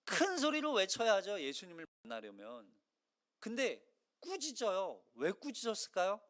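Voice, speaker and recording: Korean guy pastor preaching, high voice going all over the place, bright tone. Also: moderate pace. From South Korea. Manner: animated, conversational preaching that acts out crowd voices. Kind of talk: expository Sunday sermon.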